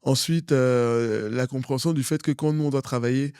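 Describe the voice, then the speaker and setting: A man's voice: mid-range voice, steady tone, moderate pace, a little mellow, clean tone, no room sound, studio quality. A man from Cameroon with a Cameroonian French accent, a guest in an interview who stresses points by repeating words. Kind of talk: interview conversation.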